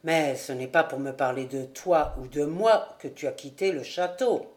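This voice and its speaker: A woman voicing a mysterious, calm male charcoal burner in an audiobook, speaking slowly and gravely. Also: close to an everyday voice. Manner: slow, grave and low. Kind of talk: audiobook character voice.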